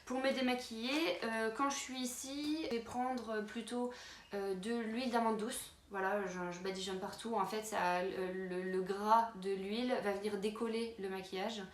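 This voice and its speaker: A woman at a middle pitch walks viewers through her toiletry bag in an easy, rambling way. She keeps stopping on fillers and restarting her sentences. The room around her adds an echo, and faint noise sits underneath. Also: steady tone, normal speed. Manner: chatty, many fillers and restarts. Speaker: beauty vlogger. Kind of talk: casual product walkthrough. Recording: roomy with faint background noise.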